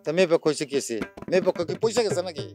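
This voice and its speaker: A penny-pinching older husband who needles his wife, quick and lively in pitch. His sarcastic, broad dialect carries over clear background music in a TV drama. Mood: bickering. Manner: sarcastic, bickering, colloquial dialect. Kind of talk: TV drama acting.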